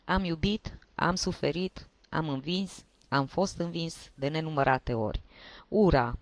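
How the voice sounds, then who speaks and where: Give me a man playing a sentimental old drunk journalist with a high, reedy tenor. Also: dry recording, natural voice. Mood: nostalgic. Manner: rambling, grandiloquent and sentimental. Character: tipsy old male journalist giving toasts.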